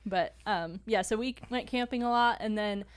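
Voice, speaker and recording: A young woman, hosting a podcast, chatting casually with a quick laugh and reading an article summary smoothly. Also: medium pitch, no echo. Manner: laughs often, reads smoothly. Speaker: podcast host.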